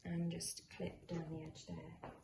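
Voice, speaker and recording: A woman's voice: fairly low pitch, monotone, measured pace. A woman talking informally through a craft tutorial in a chatty, encouraging, conversational way. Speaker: sewing tutorial presenter. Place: indoors in a room at home. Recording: echoey room, clear background noise of drilling. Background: builders' drilling and work noise.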